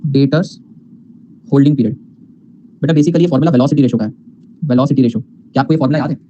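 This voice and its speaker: A man's voice: mid-range voice, quick pace, dark tone, dull audio, slight background noise. A man teaching accounting in a class lecture, mixing in English terms, calling students "beta" and asking questions he answers himself.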